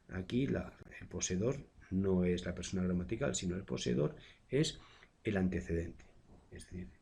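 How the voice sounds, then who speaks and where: Low, gravelly teacher, a man. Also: warm tone. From Spain. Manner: explains patiently with frequent "eh" fillers and tag questions. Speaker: secondary school language teacher. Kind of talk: recorded grammar lesson.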